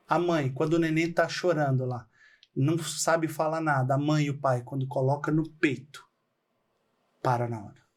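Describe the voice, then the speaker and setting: A Brazilian man speaking as a guest on a podcast, explaining things in an animated way and acting out little bits of dialogue. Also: a little high. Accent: Brazilian Portuguese. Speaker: podcast guest, real estate trainer. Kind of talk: casual podcast conversation.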